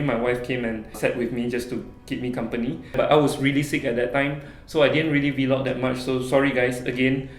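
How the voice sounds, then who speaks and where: A man's voice: mid-range voice, echoey room. A young man from Malaysia answering viewer questions in a casual, friendly vlog. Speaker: travel vlogger. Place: small office room.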